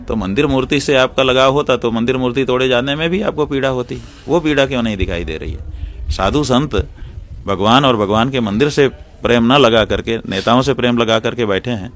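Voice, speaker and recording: A man's voice: medium pitch, brisk, a bit bright. A man making a critical statement in an argumentative, rhetorical way.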